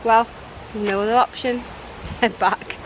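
Poor audio with a little hiss or hum captures a woman in her thirties giggling and chatting casually into a handheld camera at arm's length as she walks countryside footpaths for her vlog. Her voice is fairly high, steady in tone, and measured in pace.

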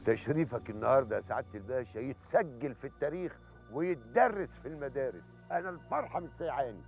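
A man with an Egyptian accent playing a boastful, flattering rich man who hosts feasts in a TV drama. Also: mid-range voice, quick pace, lo-fi sound, soft background music, lightly acted. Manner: smooth-talking, flattering, boastful. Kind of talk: TV series acting.

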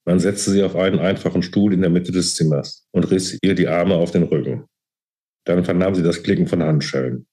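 A male author reads from his own novel in a deep, mellow voice. His delivery is calm and measured, with steady narration. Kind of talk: book reading.

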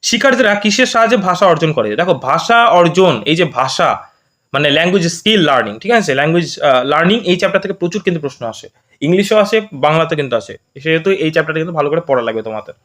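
A male tutor walks through exam questions step by step, often pausing to ask if it's clear. His voice sits high and his words come quickly. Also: animated, fairly bright tone. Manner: explains step by step with frequent checks like "okay?". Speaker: teacher. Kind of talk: exam prep lesson.

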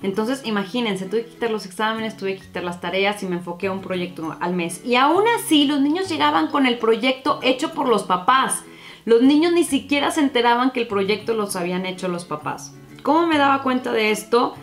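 A woman's voice: fairly high pitch, brisk, soft background music. A young adult woman, a former teacher giving parents advice in a casual vlog, telling stories and acting out the dialogue. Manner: animated storytelling, acting out dialogue with children.

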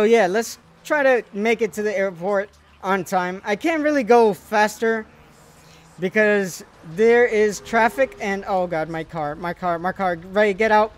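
Guy doing let's play commentary, gets all panicky and swears a ton. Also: high voice. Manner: excitable, panicky, swears a lot. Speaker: gaming video host.

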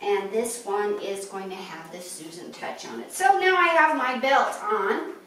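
A woman in her fifties, a fashion vlogger, does an upbeat, casual show-and-tell in her living room. Her mid-range voice is fairly bright and measured in pace. She's recorded from across an echoey room, with a little background noise.

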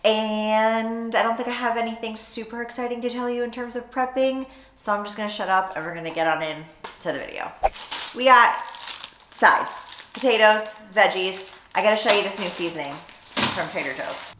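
A woman's voice: mid-range voice, normal speed, noisy background. A woman vlogger chatting casually and upbeat while she preps meals at home, thinking aloud as she goes. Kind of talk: casual meal-prep chat. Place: home kitchen. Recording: echoey room with faint ambience.

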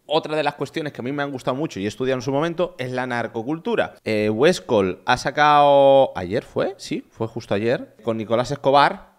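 Un hombre joven de España, streamer, comentando en directo con entusiasmo y muchas repeticiones desde su cuarto. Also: male voice, medium pitch. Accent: Spain Spanish. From Spain. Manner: enthusiastic, repetitive, chatty. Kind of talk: casual live-stream commentary. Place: his own room.

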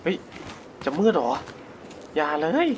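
A man hosting a gaming channel, giving casual let's-play commentary in a jumpy, excitable way as he plays. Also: a little slow, slight background noise. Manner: excitable, jumpy, talks to himself while playing.

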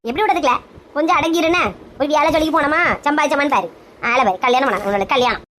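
A woman's voice: sits high, rapid-fire, very noisy, lightly acted. A woman playing a brash, melodramatic middle-aged mother in a comedy skit, bossy and scolding, with a Kanyakumari Tamil accent.

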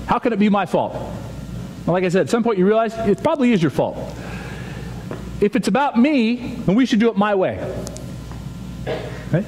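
A youth chapel speaker in his thirties, his voice sitting high, gives an animated talk to students on stage, telling stories and acting out quoted voices. The stage microphone is seen from far back in a large dark auditorium, and the hall is reverberant with faint audience noise.

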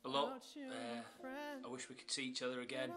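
A man's voice: mid-range voice, big pitch swings, normal speed, creaky. A man in his thirties recording a teasing, mock-sentimental wedding message on his phone at home, with crude jokes. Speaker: friend sending a wedding message. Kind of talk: jokey selfie video message. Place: indoors at home. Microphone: phone camera. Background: music.

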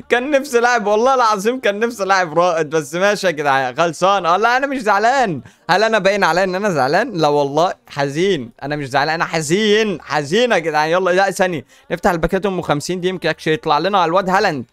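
Egyptian man hosting a gaming channel: high, quick and excitable, chatty with viewers, dry close sound, faint music behind. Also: no echo. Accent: Egyptian Arabic. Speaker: gaming YouTuber host. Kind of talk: casual gaming commentary while opening packs.

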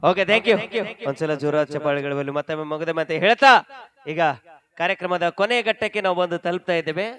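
A man with a North Karnataka accent announcing at a live stage event, briskly directing the crowd and lights. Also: a little high, fairly bright tone. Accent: North Karnataka Kannada. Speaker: stage emcee.

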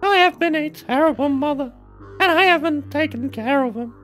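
A man putting on a high, grieving mother's voice. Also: normal speed, fairly bright tone, soft background music. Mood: mournful. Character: grieving guilt-ridden mother, dramatic and tearful. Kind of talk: melodramatic voice acting over a game.

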